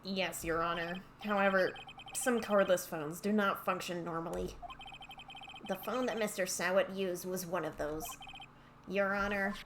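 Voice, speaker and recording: A woman voicing a smug male prosecutor in a courtroom video game, with formal, measured questioning. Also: lowish voice, steady tone, background noise, close to an everyday voice.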